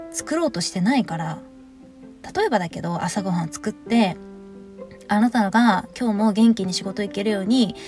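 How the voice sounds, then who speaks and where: Woman podcast host, casual advice monologue, frank and animated, mid-range voice, faint music underneath. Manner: lively, frank and animated, acting out quotes with big pitch swings.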